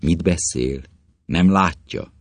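A man voicing an excited male sea captain in a story reading, breathless and exclaiming. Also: very deep voice, no echo. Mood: exultant. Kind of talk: audiobook reading.

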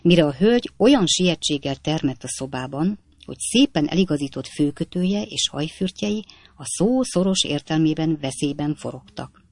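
A woman reading a classic novel aloud in an even, measured storytelling manner. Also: deep voice, no room sound, clean studio sound. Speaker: audiobook narrator. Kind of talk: scripted narration of a classic novel.

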